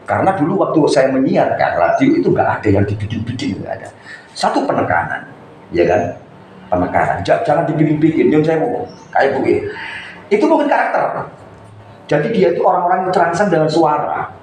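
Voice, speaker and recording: A man coaching members at a meeting, chatty and lecturing, with lively asides. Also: fairly high pitch, fairly quick, slight background noise. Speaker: coordinator of a local radio community. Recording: echoey room, faint background ambience.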